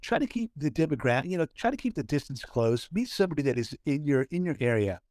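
A man's voice: fairly high pitch, very animated, fast talker, darkish tone, dry recording. Upbeat man co-hosting a chatty podcast. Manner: hyping up his friend, frequent restarts. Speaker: podcast co-host. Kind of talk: casual chat, leading the story.

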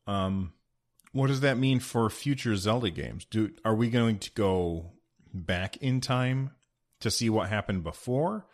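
A man's voice: lowish voice, lively intonation, unhurried. Chatty man in an echoey room. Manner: chatty and rambling, many fillers. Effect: echoey half-finished room. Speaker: podcast host. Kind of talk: casual solo podcast talk. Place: unfinished home studio room.

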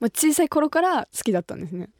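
A woman radio host from Kumamoto talks with a guest in a relaxed, chatty way and laughs often. Her voice sits a bit high. The studio sound is dry and close, with no room echo. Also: quick pace. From Kumamoto, Japan. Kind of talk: casual radio interview.

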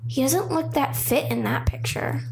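High-voiced woman in an echoey room. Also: huge pitch swings, moderate pace, vocal fry. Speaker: podcast co-host. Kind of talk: casual banter. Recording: roomy echo, faint background noise.

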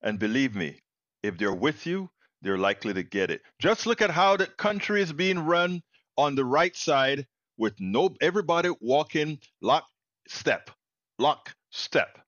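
A man hosting opinionated news commentary, repeating key phrases with deliberate emphasis. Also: fairly high pitch, animated, fairly bright tone, dry recording, lo-fi sound. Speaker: host of political commentary show.

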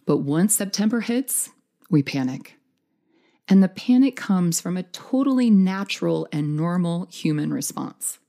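Low-voiced upbeat woman giving tidy advice. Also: animated, measured pace, gravelly, mellow. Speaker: podcast host. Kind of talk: scripted dating advice talk.

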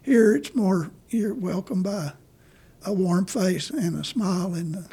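Husky, mellow-voiced older man. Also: high voice. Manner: rambling, halting storyteller. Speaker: artist guest. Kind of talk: casual interview talk.

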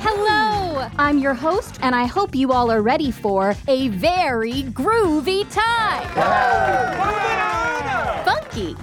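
High, animated, groovy game show host. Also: female voice, slow, faint music behind, some chatter behind, full character voice. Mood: gushing. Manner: showy, exclamatory. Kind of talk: audio comedy sketch acting.

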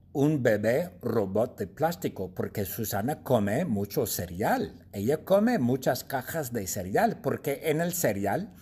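A male teacher telling a silly story to learners, slow and repetitive, playful, with sound effects and laughs. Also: mid-range voice, a little mellow, husky. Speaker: language teacher.

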